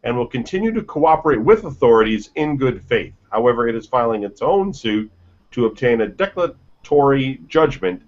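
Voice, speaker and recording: With a mid-range voice that swings widely in pitch at a moderate pace, this podcast host reads gaming news headlines, then cracks jokes and swears freely. It's casual, loose banter captured in dull lo-fi audio.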